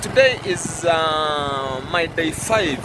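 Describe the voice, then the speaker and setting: High-voiced Kenyan man vlogging on the road. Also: animated, takes it slowly. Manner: repetitive, calls out to viewers. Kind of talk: casual vlog narration. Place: outdoors riding a vehicle on rough roads. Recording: loud road and engine noise.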